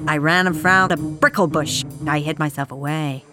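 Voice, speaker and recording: A woman reading a rhyming children's story aloud, shifting from hushed lines to shrieking ones. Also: low-pitched, steady tone, moderate pace. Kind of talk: dramatic storybook read-aloud. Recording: music playing behind the voice.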